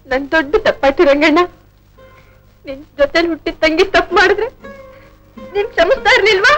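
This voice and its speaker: Tearful young wife. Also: female voice, extremely high pitch, lively intonation, brisk, over music, low-quality recording. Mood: pleading. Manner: tearful, emotional. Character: tearful, bitter young wife, quick to weep. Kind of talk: 1970s Indian film drama.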